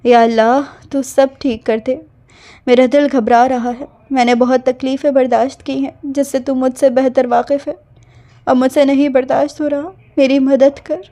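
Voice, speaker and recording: A caring young woman comforts and pleads in earnest, as a woman reading a novel puts her on. Her voice is high and mellow. She is the steady heroine of an audio romance. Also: lightly acted. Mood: prayerful. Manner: soothing, earnest. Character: caring young woman, elder-sister type.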